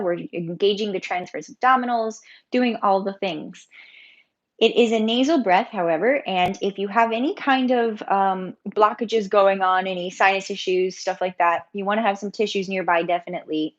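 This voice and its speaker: A woman yoga teacher talks her class through breathing drills in a loose, chatty way at a middle pitch. She laughs easily and keeps things informal. The sound is a bit dull and lo-fi, as from a computer mic on a video call. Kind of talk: live online breathing workshop.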